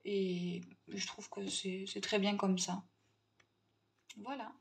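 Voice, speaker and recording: A woman's voice: mid-range voice, steady tone, takes it slowly, gravelly. Chatty woman vlogger, hesitant and casual. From Tunisia. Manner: hesitant, many fillers and restarts, chatty. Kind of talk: casual haul video review.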